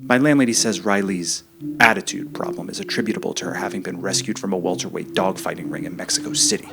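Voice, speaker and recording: Deadpan deep-voiced man narrating. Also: fast talker, gravelly, very noisy. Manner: dry, wry and mock-serious. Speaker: filmmaker narrating his own film.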